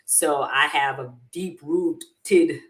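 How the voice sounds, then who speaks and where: Bright-voiced New woman, low pitch, off-mic. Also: drawn-out words, far from the mic, rough recording. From Jamaica, raised in New York. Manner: animated, laughs often, slips into Jamaican phrasing. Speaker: guest. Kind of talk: casual interview chat.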